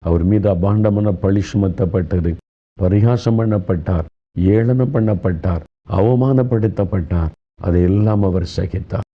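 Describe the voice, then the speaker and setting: A man's voice: deep voice, unhurried, lo-fi sound. A man with a Tamil accent preaching an earnest, consoling sermon as a pastor.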